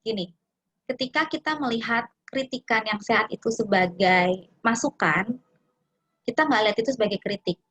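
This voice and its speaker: A woman psychology practitioner talking casually to a youth group, animated and acting out quoted speech. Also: fairly high pitch, normal speed. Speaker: guest speaker, psychology practitioner.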